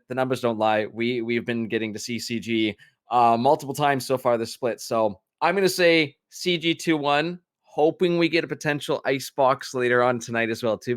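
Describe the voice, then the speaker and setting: A man commentating live as an esports caster, with a hyped, excitable delivery. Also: medium pitch, dry recording, studio quality.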